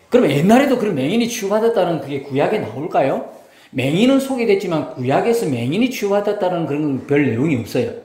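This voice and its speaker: A middle-aged man, preaching a sermon as pastor, talking with the congregation and acting out quotes. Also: high-pitched. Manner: lively, talks with the congregation, acts out quotes. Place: church sanctuary. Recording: roomy church hall.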